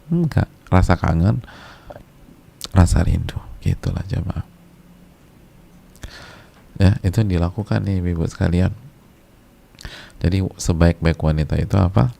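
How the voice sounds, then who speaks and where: A man's voice: sits low, measured pace, vocal fry, long pauses, mellow. A male preacher giving a casual religious lecture, talking conversationally, repeating key phrases for emphasis and sometimes chanting short religious verses.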